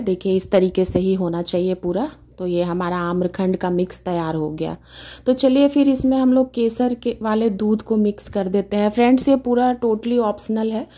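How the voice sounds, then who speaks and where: This woman, warm-toned and medium in pitch, presents her own cooking channel from her home kitchen. She talks viewers through each stage of the recipe with friendly, down-to-earth chatter.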